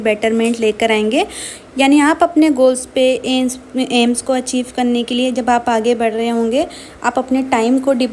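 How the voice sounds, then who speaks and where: A woman gives earnest advice in a casual vlog, slipping English phrases into her talk. A faint background noise runs underneath. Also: sits high. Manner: earnest, advising, mixes English phrases into Hindi. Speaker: vlogger giving marriage advice.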